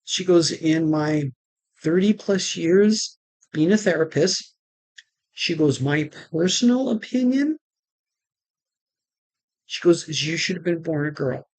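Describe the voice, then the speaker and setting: A woman vlogger telling her personal story to camera, halting, with restarts, and retelling conversations line by line. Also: low-pitched, expressive, a little mellow, no echo. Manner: retells conversations with "she goes" and "I'm like".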